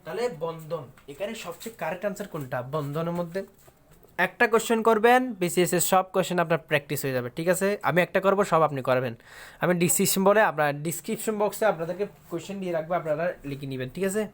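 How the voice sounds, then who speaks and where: A man's voice: high-pitched, lively intonation, fast. A man teaching an online exam-prep lesson, emphatic and repetitive, often asking his viewers whether they follow.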